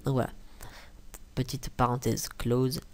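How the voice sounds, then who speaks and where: Young guy doing a software tutorial, mid voice, keeps saying uh and correcting himself, swears then says sorry. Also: medium pitch, flat delivery, measured pace. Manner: rambling, many fillers and self-corrections; mutters asides, swears and apologizes. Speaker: tutorial maker. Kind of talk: casual screen-recording tutorial.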